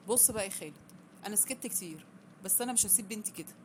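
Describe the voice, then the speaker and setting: A woman voicing a patient middle-aged father who talks in a calm, firm, reasoning way. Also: medium pitch, very fast, lightly acted. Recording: noisy background.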